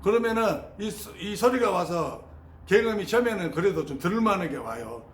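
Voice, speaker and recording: High, lively man in an echoey room. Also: moderate pace. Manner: animated storytelling, imitates sounds. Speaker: spiritual teacher. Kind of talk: spoken teaching on meditation experiences. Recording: roomy sound with faint ambient noise.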